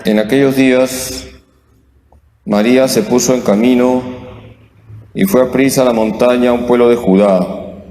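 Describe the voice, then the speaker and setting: A male priest reading the Gospel and preaching slowly and deliberately, chanting the responses, heard in a large church with a cathedral echo. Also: medium pitch, steady tone, warm tone, a little hiss or hum. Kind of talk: Mass reading and homily. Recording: echoey church, voice from afar.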